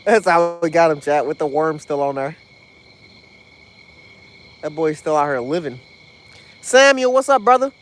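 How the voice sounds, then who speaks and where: A man's voice: fairly high pitch, steady tone, unhurried, pauses often. A man chatting casually to a livestream while fishing, in slangy, profane frat-bro talk. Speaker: livestream host, angler. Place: outdoors on a fishing dock at night. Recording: outdoor noise with crickets and frogs.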